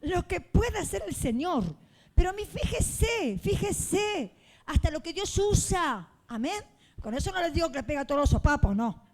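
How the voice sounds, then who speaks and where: A woman's voice: extremely high pitch, very animated, moderate pace. A woman pastor, preaching a fervent sermon in a church and acting out the people in her stories.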